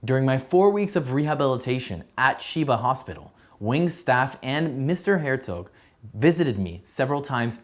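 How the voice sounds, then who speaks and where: Young man earnestly reading his story. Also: medium pitch. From San Diego, USA. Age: young adult. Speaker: soldier telling his story. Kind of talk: read personal testimony.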